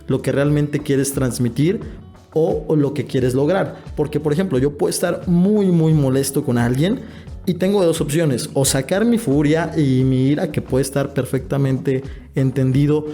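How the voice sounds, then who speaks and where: A man's voice: a little high, moderate pace, warm tone, faint music behind. A man, a podcast guest who reasons through his point step by step. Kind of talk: casual podcast discussion.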